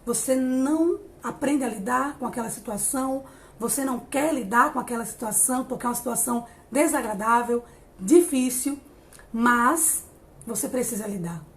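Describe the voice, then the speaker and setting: A psychologist in her late thirties hosts a casual live stream on emotional growth, chatting warmly and encouragingly with her audience. Her voice sits fairly high at a moderate pace, and she often pauses, repeats a word and restarts her sentence.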